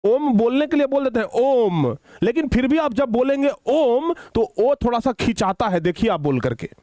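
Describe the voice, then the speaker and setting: A man teaching children a grammar lesson, repeating phrases slowly for dictation and often checking whether they have understood. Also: extremely high pitch, lively intonation, dark tone, dry recording, studio quality. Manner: slow, repetitive dictation, drawing out words; addresses students affectionately, checks understanding often.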